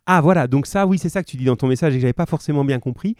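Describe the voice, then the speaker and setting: A man's voice: on the high side, racing, no echo, studio quality. A male teacher running a live radio class, encouraging students who call in and reading a story aloud. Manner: lively, encouraging, full of fillers.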